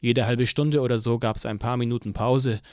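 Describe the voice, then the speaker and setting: A man narrating an audiobook in a steady, even storytelling manner. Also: mid-range voice, normal speed, no echo, clean studio sound. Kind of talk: scripted narration.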